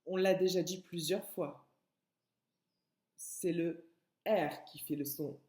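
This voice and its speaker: A woman's voice: on the low side, steady tone, slow pace, warm tone, reverberant. A woman teacher with a French accent giving a patient, step-by-step writing lesson to young children, spelling out sounds and syllables. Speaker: kindergarten teacher.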